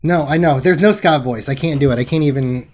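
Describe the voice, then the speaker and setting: A woman's voice: low voice, brisk, a little mellow. A woman hosting a casual livestream, reading chat with wry remarks and casual swearing. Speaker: host.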